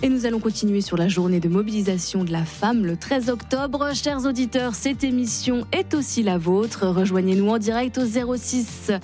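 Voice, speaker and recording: A woman's voice: fairly high pitch, normal speed, hardly any pauses, warm tone. Woman radio host over faint music. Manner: clear, scripted presenting. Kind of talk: radio talk show hosting.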